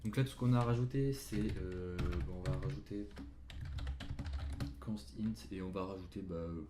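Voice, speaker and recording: A man's voice: low voice, normal speed, heavy background noise. A man giving a casual electronics tutorial, talking in a slangy, informal way with jokey asides while he handles his gear. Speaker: tutorial presenter.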